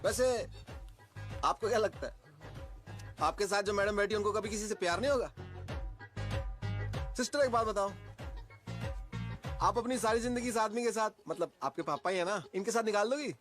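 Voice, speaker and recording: A man's voice: high-pitched, moderate pace, long pauses, a bit bright, faint music behind. An actor playing a cocky young male driver who has run off with his boss's daughter, talking in a joking, boastful way. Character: brash young male driver, cheeky eloper. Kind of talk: Hindi film acting. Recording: film audio with background score.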